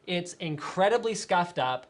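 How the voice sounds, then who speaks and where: On a live tech show, the male host answers viewer questions in an easygoing, chatty manner. He has a high, unhurried voice, sounds energetic, and leans heavily on fillers.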